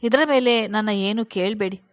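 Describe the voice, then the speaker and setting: A woman's voice: medium pitch, fairly even intonation, normal speed, lightly acted. A woman voicing a young woman, tearful and earnest, in a read-aloud storybook. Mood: remorseful. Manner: pleading, emotional.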